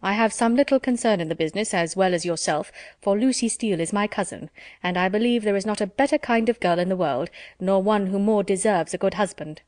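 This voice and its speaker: A woman's voice: medium pitch, brisk, a little mellow, dry recording, clean studio sound, lightly acted. A woman voicing a blunt, outspoken older lady in a storybook reading, forthright in manner.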